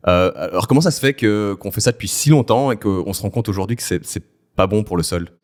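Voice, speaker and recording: Man, very low pitch, podcast host, friendly interviewer, occasional hesitations. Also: fairly quick, darkish tone. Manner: friendly questioning, some hesitations.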